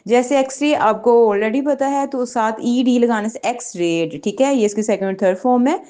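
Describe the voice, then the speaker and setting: A woman's voice: on the high side, normal speed, dark tone. Patient woman teaching English vocabulary. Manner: patient, repeats words and adds frequent checks. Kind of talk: online lesson explaining vocabulary.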